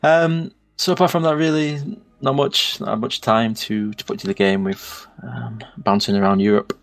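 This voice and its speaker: A man's voice: mid-range voice, steady tone, moderate pace, creaky, faint music behind. A man with a northern English accent co-hosting a casual gaming podcast, easygoing and a little hesitant, laughing at himself. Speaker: podcast co-host.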